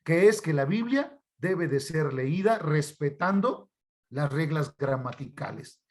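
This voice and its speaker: Mexican man, fairly high voice, church workshop teacher, asks questions, video call mic. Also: animated, slow. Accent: Mexican Spanish. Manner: addresses listeners as brothers, asks questions to the class. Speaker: Bible study instructor.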